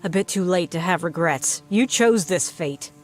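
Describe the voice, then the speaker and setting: A woman's voice: lowish voice, expressive, moderate pace, faint music behind. A woman playing a composed, frank ally in a video game, with a firm, matter-of-fact delivery. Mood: firm, cool. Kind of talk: dramatic video game character acting.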